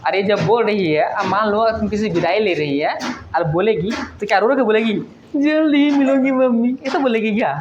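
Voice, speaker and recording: A woman teacher explaining a poem to her class, often checking whether they follow and answering her own questions. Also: mid-range voice. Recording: echoey, dull lo-fi room recording with faint noise.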